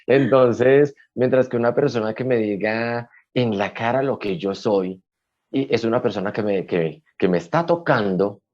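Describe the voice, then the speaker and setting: A man's voice: medium pitch, normal speed, darkish tone, dull audio. A Colombian man being interviewed, speaking bluntly and emphatically with frequent restarts, in a casual chat. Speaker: guest.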